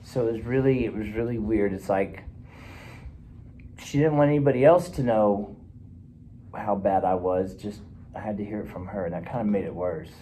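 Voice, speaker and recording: A man playing a troubled fifty-one-year-old client sent by the court in a counseling role-play, talking in a hesitant, halting, earnest way. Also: on the low side, dark tone, a little hiss or hum, close to an everyday voice, rough recording. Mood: subdued.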